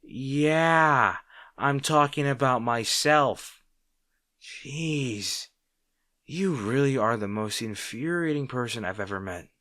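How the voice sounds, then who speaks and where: A man with a mid-range, animated, sharp-toned voice speaks slowly in a clean studio recording with no echo. In a roleplay audio drama he plays a wry, insecure supervillain rival who's secretly fond of the listener, addressing them hesitantly and sardonically, sounding exasperated.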